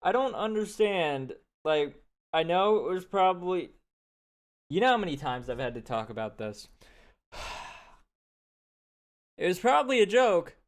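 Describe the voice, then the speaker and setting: A man's voice: high-pitched, sing-song, unhurried, pauses often. A man co-hosting a reaction video, chatting casually with blunt, incredulous remarks and slang. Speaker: co-host reacting.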